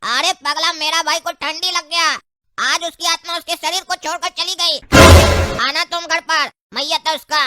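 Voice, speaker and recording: A woman's voice: very high voice, fairly even intonation, moderate pace, over loud music. A woman voicing a cheeky young man who mocks a politician in a cartoon comedy. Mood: mocking. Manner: mocking, laughing.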